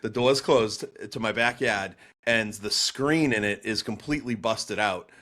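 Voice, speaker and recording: A man in his forties with a Boston accent tells his story as a podcast guest, answering in a chatty, animated way full of fillers and restarts. His voice is on the low side at a moderate pace.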